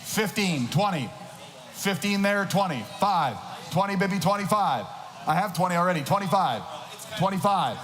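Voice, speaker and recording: A man's voice: high-pitched, lively intonation, normal speed, a bit bright. A man working as an auctioneer, calling bids in an insistent, rhythmic chant of repeated numbers and filler phrases. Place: large auction hall. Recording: echoing hall PA with noisy ambience.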